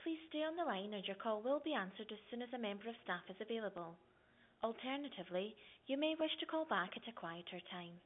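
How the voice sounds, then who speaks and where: A woman reading a recorded phone menu announcement in a calm, measured, formal way. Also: a little high. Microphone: phone line playback. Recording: tinny phone line.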